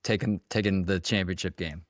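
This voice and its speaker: A man's voice: low voice, fairly even intonation, normal speed, no room sound, clean studio sound. A man co-hosting a sports podcast in casual chat, laid-back and prone to restarts. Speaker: podcast co-host.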